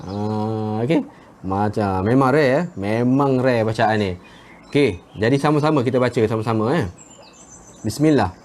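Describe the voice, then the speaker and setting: A man teaching Quran recitation in a live lesson from a garden, relaxed and chatty, drawing out example words slowly. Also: medium pitch. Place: outdoors in a garden with birdsong. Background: birdsong.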